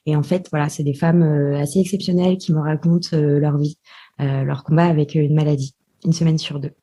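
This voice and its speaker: A woman guest explains her field in a podcast interview, slowly and methodically, with frequent hesitations. Her voice is low, mellow and a little husky. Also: fairly even intonation. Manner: hesitant, many filler sounds, methodical explaining. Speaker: podcast guest, marketing specialist.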